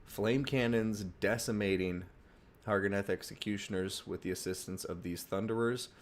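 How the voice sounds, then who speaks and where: A man giving relaxed, chatty live commentary on a strategy game tournament from his streaming setup. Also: lowish voice, moderate pace. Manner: relaxed, chatty play-by-play with asides. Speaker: tournament caster and stream host.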